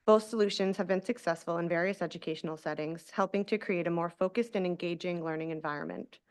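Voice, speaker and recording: A woman's voice: lowish voice, fast. A woman giving public comment at a school board meeting, reading out a formal prepared statement. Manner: formal, read-aloud delivery.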